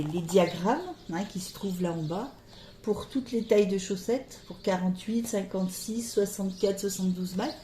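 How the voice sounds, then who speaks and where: Middle-aged lady showing off her knitting, lots of um and pauses, mellow voice, roomy echo. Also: on the low side, slight background noise. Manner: chatty, hesitant, many pauses and fillers. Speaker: knitting podcaster. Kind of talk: casual show-and-tell about knitting. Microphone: camera on a table near her.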